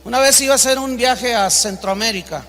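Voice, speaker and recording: A man's voice: extremely high pitch, fairly quick, a bit bright, in a large hall, a little hiss or hum. A man with a Mexican Spanish accent preaching an emphatic sermon as pastor, acting out the voices in his stories.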